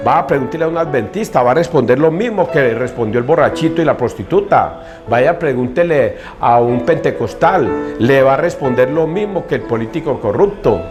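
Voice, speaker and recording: Man, priest, homily, preachy, music clearly underneath. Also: mid-range voice. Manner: preachy, acts out everyday characters with quick asides. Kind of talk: gospel reading and homily.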